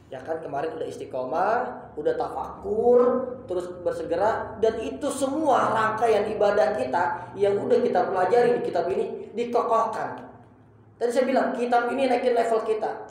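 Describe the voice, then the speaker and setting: Echoey young ustadz, apologetic lecture. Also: male voice, high voice, a little mellow, a little hiss or hum. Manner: colloquial, apologetic, repeats phrases for emphasis. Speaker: ustadz teaching a religious study circle. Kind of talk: informal religious study lecture. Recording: very echoey room.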